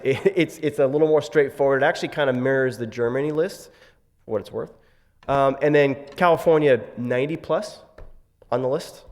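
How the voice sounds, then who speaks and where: Male conference presenter, casual and wry, lots of ums, medium pitch, long hall echo. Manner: casual, many fillers and wry asides. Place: conference session room.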